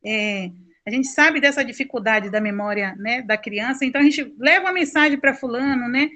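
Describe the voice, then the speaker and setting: A Brazilian woman with a high, bright voice teaches an online mini-course. She explains at length, often pausing on fillers and correcting herself mid-phrase. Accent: Brazilian Portuguese. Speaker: lecturer.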